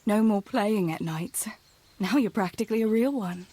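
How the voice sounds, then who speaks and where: A woman's voice: medium pitch, normal speed, dark tone, close to an everyday voice. [name], a woman as a teasing young village sweetheart. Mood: affectionate teasing. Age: young adult.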